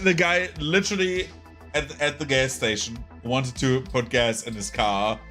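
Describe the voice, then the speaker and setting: A man streaming casually, reacting to a film with lots of laughter and swearing. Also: mid-range voice. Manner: excitable, laughs often, swears a lot.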